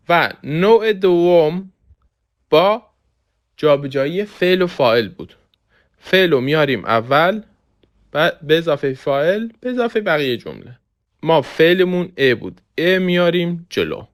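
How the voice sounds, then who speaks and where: Man teaching French slowly. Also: a little high, very animated. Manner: slow, carefully spelled-out example sentences. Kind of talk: language lesson.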